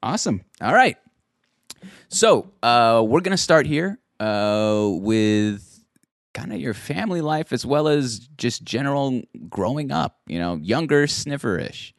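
A man's voice: mid-range voice, expressive, unhurried, vocal fry, no room sound, clean studio sound. A man hosting a casual interview, talking in a friendly, reassuring way with many fillers.

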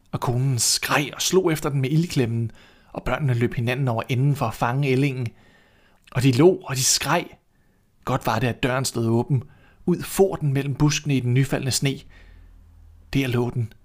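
A man narrates a fairy tale in a calm, measured way. His reading is expressive without being showy. His voice sits at a middle pitch. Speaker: storyteller. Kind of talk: scripted storybook narration.

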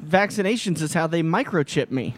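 A man hosting a casual podcast among friends, his voice sitting a little high. He talks in a loose, rambling way and laughs easily. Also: animated, fairly quick, a little hiss or hum. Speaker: podcast host. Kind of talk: casual chat.

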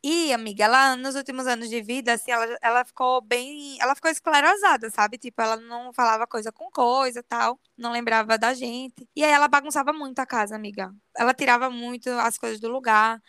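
A woman's voice: fairly high pitch, brisk, few pauses, clear, resonant tone, dry recording, clean studio sound. A young woman, chatting animatedly as a podcast co-host and telling a spooky story. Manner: animated, swears she is telling the truth. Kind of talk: casual podcast chat.

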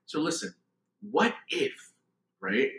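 A man's voice: a little high, sing-song, takes it slowly, creaky, a bit bright. A young man, chatting casually and slangily as a podcast co-host. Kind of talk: casual chat. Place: basement, indoors. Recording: echoey basement room.

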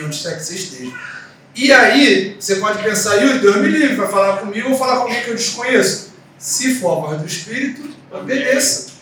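A young man preaching a teaching sermon, telling a story with animated energy and repeating words for emphasis. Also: high voice, slight background noise. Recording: echoey room from a distance.

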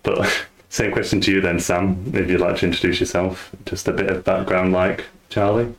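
A man hosting a casual podcast chat, talking in a relaxed, rambling way. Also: low voice, normal speed. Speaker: podcast host.

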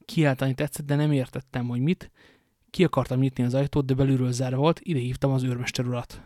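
A man's voice: medium pitch, level tone, dark tone, dry recording, clean studio sound, natural voice. A man voicing a plain soldier giving a dutiful, respectful report.

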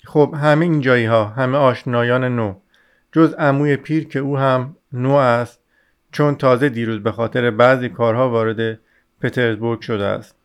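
A man's voice: medium pitch, fairly even intonation, smooth, close to an everyday voice. A man voicing an eager, chatty young male student in an audiobook reading. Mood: eager chatter. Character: Razumikhin, lively talkative young male student.

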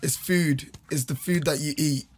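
A man hosting a casual podcast in an excitable, laddish way, peppering his talk with "bro". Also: a little high, normal speed, a little hiss or hum. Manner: laddish, hyped, says "bro" constantly. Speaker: podcast host. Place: podcast studio. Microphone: studio podcast microphone.

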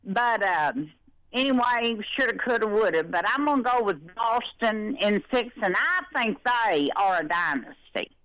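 A woman's voice: mid-range voice, lively intonation, measured pace, a bit bright, no echo, rough recording. An older woman calling in by phone, a little out of breath, talking in a folksy, rambling way. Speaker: caller.

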